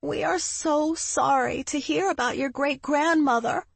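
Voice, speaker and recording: A woman's voice: high-pitched, measured pace, creaky, no room sound, voice pushed up. A woman narrator voicing a sweet young woman whose shaky voice is close to tears. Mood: tearful sympathy.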